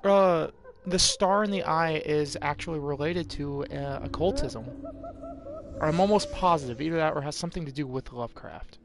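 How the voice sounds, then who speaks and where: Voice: medium pitch, moderate pace, noisy background. A streamer giving live, chatty commentary on a horror game, swearing freely.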